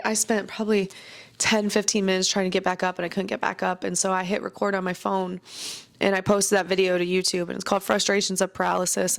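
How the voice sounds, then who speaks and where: A woman's voice: medium pitch, gravelly. A woman who owns businesses and coaches others, talking earnestly and motivationally in a personal vlog.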